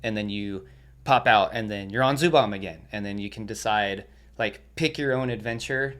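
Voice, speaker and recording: A man's voice: fairly low pitch, normal speed, fairly bright tone. A young man, a podcast guest, telling laid-back stories with lots of swearing and laughter. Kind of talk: casual storytelling.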